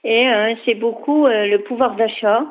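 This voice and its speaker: A woman's voice: on the high side, fairly even intonation, unhurried. A woman in her fifties of Portuguese family, a retired social mediator, talking hesitantly with many fillers on a radio phone-in. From Portugal (parents). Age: 50s. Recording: tinny phone line.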